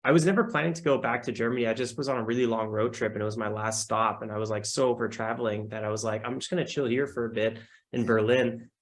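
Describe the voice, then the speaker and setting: A man's voice: medium pitch, quick pace, hardly any pauses. A young man from the United States, co-hosting a podcast in rambling, casual chat with lots of fillers. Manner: rambling, filler-heavy, animated. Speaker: podcast co-host.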